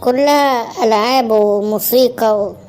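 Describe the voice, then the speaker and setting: A woman's voice: a little high, unhurried, darkish tone, close to an everyday voice. A woman voicing a lazy, cheeky schoolboy in a cartoon, whining in an Egyptian Arabic accent. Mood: whiny. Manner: whiny, cheeky. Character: lazy cheeky schoolboy who hates mornings. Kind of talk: cartoon voice acting.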